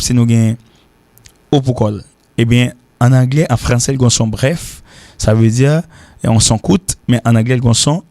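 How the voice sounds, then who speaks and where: A man's voice: medium pitch, darkish tone, dry recording. A man with a mid-range voice leads a radio English lesson. He repeats each word again and again as a drill. The studio sound is dry and close. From Haiti. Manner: repeats words slowly for drills, mixes languages. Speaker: English teacher.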